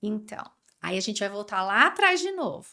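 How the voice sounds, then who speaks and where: A Brazilian woman speaking as a podcast guest, explaining in an animated way and acting out what parents and children say. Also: mid-range voice, brisk. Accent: Brazilian Portuguese. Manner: animated, acts out quoted parents and kids. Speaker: guest expert on emotional education. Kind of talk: conversational podcast interview.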